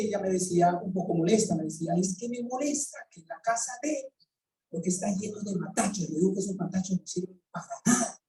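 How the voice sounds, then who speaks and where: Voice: mid-range voice, mellow, distant mic. A pastor with a Colombian accent preaching a sermon, telling a story and acting out its dialogue, then asking the congregation rhetorical questions. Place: church hall. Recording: echoey room, voice from off the mic.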